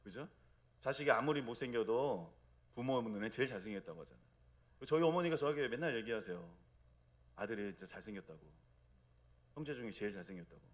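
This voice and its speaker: A man in his thirties preaching a Sunday sermon in a conversational way, often asking the congregation for agreement and acting out God's words in a soft, low voice. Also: animated, fast, pauses often. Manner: acts out God's gentle speech in a soft low voice. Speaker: pastor. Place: church sanctuary.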